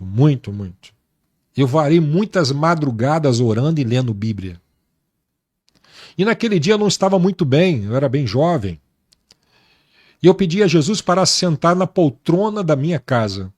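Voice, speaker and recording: A man with a somewhat high voice tells his faith testimony as a pastor in an interview. He speaks earnestly and takes his time. He stresses his points by repeating words. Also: darkish tone. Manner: earnest, slow and emphatic, repeating words for weight.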